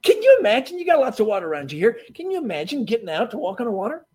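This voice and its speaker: A male preacher delivers a sermon to a seated congregation. His voice sits high and rises and falls dramatically, breaking into laughter and sudden shouts. He speaks with animated, storytelling energy. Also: very fast. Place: church or meeting hall with seated audience.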